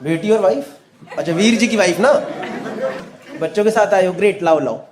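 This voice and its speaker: A male stand-up comedian, doing quick, teasing crowd work that mixes Hindi and English. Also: high-pitched. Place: live comedy venue with laughing audience. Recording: loud crowd laughter and noise.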